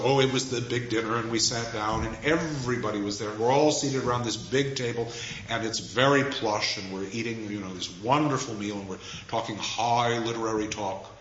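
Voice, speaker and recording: A man's voice: lowish voice, fairly bright tone, slight background noise. A man giving an anecdotal lecture, a wry storyteller who chuckles at his own asides. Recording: echoey, dull room recording with faint ambience.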